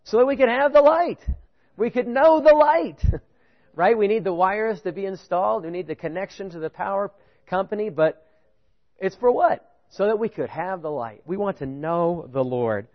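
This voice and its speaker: A man giving a lively sermon in a fairly high voice. He rises in pitch on his main points, checks in with the listeners and chuckles between points. The recording sounds dull and lo-fi. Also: normal speed. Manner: animated, rising pitch on key points, chuckles, asks "right?". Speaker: preacher. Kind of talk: sermon with audience participation.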